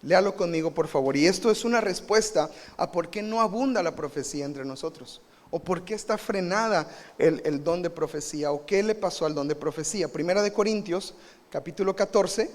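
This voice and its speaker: A man with a Mexican Spanish accent preaching a live sermon, animated and emphatic, often asking the congregation questions. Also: fairly high pitch, normal speed. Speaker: pastor. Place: church sanctuary. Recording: live church recording with long reverb.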